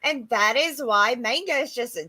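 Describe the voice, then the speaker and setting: Outspoken lady comic creator on a podcast, swears a lot, lively and punchy. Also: on the high side, moderate pace. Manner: blunt, profane, animated. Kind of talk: casual podcast chat.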